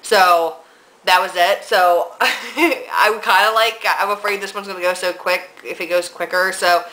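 A young woman with a bright, forward voice talks casually to her camera, her nose audibly stuffed up. She is a little out of breath and rambles along with plenty of ums and likes. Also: lowish voice, steady tone, measured pace, rough recording. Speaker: vlogger. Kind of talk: casual pregnancy vlog.

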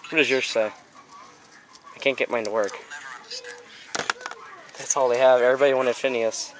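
An excitable teenage boy talks fast into a handheld camera as he wanders around. His voice is middling in pitch, and he bursts out in quick exclamations. Clear background noise from the camera runs underneath. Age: teens. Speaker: vlogger. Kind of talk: casual vlog chat. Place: outdoor parking lot and big toy store. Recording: noisy handheld camera audio.

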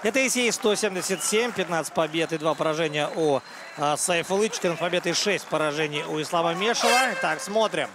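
A man's voice: on the high side, fairly quick. A man giving live play-by-play sports commentary on a fight. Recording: music and crowd noise behind commentary. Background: arena music and crowd.

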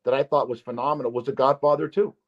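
A man hosting a podcast, chatting loosely and telling stories with lots of restarts and emphatic asides. His voice sits at an ordinary middle pitch. The audio is a bit dull and lo-fi. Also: fairly even intonation, quick pace. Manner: rambling, restarts, emphatic storytelling. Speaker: podcast host. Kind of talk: casual chat. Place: Las Vegas.

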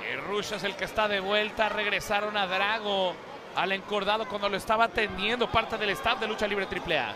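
A man with a Mexican accent giving excited, emphatic live wrestling commentary, calling the action as it happens. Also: high voice, a little fast, noisy background. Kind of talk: live lucha libre play-by-play commentary. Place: live wrestling event in large indoor arena. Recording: loud arena crowd and music behind voice.

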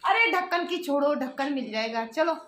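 A high-pitched woman hosts a casual home vlog, turning from viewers to her kids in an easy, chatty way. Her voice sits well above the usual range. Steady rain hisses loudly behind her on a handheld phone recording. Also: moderate pace. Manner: chatty, addresses viewers and children by turns. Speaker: vlog host and mother. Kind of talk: casual family vlog narration. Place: family home during heavy rain. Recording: heavy rain noise behind voice.

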